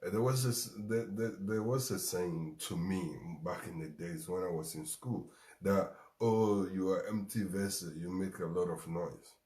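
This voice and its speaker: Ghanaian host, real low voice, motivational talk, repeats himself, echoey room. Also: male voice, unhurried, a little mellow. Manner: repeats lines for emphasis, chuckles. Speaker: show host.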